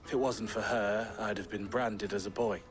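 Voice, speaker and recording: A man plays a composed, friendly smuggler in a video game, on the low side. He speaks calmly and evenly, with a faint guitar-like score behind. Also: moderate pace, lightly acted. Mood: calm, sincere. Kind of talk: video game drama acting.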